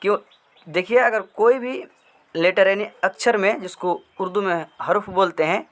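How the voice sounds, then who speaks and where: A man's voice: high voice, fairly bright tone. A man teaching Urdu script in a spoken lesson, explaining patiently and asking and answering his own questions. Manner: spells out letters slowly.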